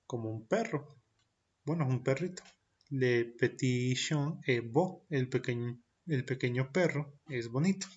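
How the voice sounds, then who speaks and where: With a mid-range, slightly mellow voice and audio missing its high frequencies, a man teaches a recorded primary-school French lesson for young children. Slowly and deliberately, he gives every point in French, then Spanish, and carefully practices the pronunciation.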